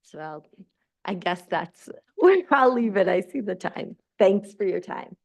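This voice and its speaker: A nervous woman in her forties with a shaky voice, giving a halting public comment at a school board meeting, full of fillers and restarts. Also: mid-range voice, expressive, gravelly. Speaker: public commenter, social worker and mother.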